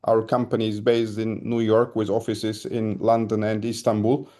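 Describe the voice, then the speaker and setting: A man, speaking as a podcast guest in a measured way with frequent ums. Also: lowish voice, flat delivery, warm tone. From Germany. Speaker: guest, company co-founder. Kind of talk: podcast interview.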